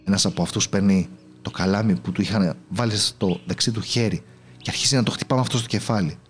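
A man narrating a children's storybook in a measured, solemn way. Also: lowish voice, fairly even intonation, faint music behind.

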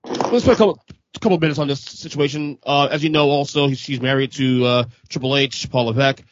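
A man's voice: medium pitch, fairly even intonation, brisk, a little hiss or hum. A man hosting a casual podcast, loose and profane as he jokes with his co-hosts. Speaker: podcast host. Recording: dull lo-fi podcast audio.

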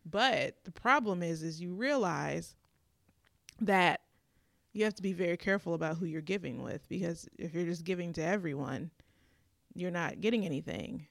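A woman chatting earnestly on a podcast, thinking things through out loud. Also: fairly low pitch, animated, normal speed, vocal fry, dry recording, studio quality. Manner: thoughtful, earnest, reflective. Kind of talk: casual chat.

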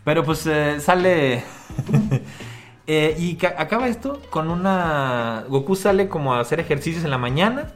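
This podcast co-host has a fairly high, expressive voice and takes his time, with faint music behind him. Recapping an anime in a casual chat, he laughs often as he retells the story, trailing off and restarting.

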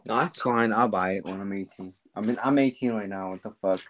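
A man's voice: on the low side, fairly bright tone, no room sound. Drunk nineteen-year-old guy saying "bro". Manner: slangy, "bro" after most lines, halting restarts. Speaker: caller, friend. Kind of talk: casual chat on a call.

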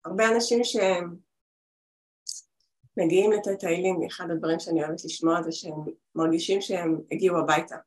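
A woman's voice: fairly low pitch, fairly even intonation, slight background noise. A woman in her forties, a spiritual healer talking as a guest over a video call, chatty and rambling with restarts.

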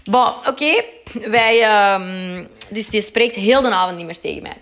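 A woman's voice: mid-range voice, unhurried, a bit bright. A young woman with a Flemish accent telling a personal story in a casual, chatty way, swearing freely as she goes. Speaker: vlogger.

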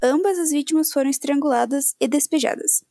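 A woman's voice: high-pitched, a little fast, loud music behind the voice. A woman with a Brazilian accent hosting a podcast, switching between scripted narration and informal, self-deprecating asides. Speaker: podcast host. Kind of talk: casual chat and scripted true-crime narration with asides.

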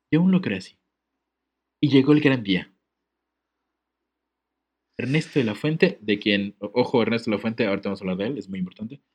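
With a fairly low voice and a breathy edge, a man co-hosting a podcast reads out a letter. He keeps interrupting himself with jokes and comic asides, laughing often.

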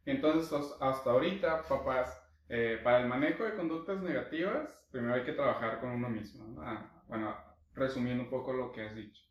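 A man's voice: mid-range voice, a little fast, far from the mic. A man hosting an interview, summing up his guest's points and asking follow-up questions. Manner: brief acknowledgments, sums up the guest's points. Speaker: interview host. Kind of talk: conversational interview. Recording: roomy, from off the mic.

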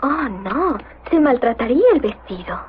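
A woman voicing an elegant, carefree lady mouse in an animated film, genteel and soothing. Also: a little high, moderate pace, narrow, tinny audio, slight background noise, close to an everyday voice. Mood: delighted.

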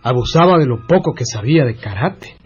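A man's voice: mid-range voice, animated, a little fast, breathy edge. A man narrating a comic radio story in a folksy, amused manner, ending with a moral. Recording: dull lo-fi radio recording with music.

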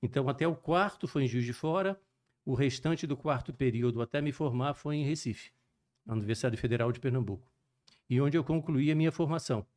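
Speaking with a Brazilian accent that mixes Minas Gerais and Rio de Janeiro, this older man is a cardiologist sharing his story as an interview guest. His pitch is medium and his tone somewhat dark. The conversation is relaxed, and he tells it in a careful, thorough, lecturing way.

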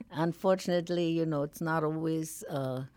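A middle-aged woman from Germany with a German accent, a guest in a radio studio, answering thoughtfully with pauses and fillers. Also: sits low, darkish tone. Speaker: guest, nonprofit founder. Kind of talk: radio interview.

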